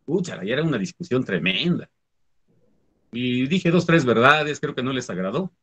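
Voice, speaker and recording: A husky-voiced Mexican Spanish-speaking man, a teacher from the Huasteca, talking through how words are said and written. His tone is explanatory and patient, and he keeps pausing to ask whether he is being followed. The voice is a plain middle pitch with a grainy, breathy edge. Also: lively intonation, bright, forceful tone. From Huasteca region of Mexico. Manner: explanatory, often checks understanding with "¿sí?". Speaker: Nahuatl language teacher. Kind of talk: conversational talk on language teaching.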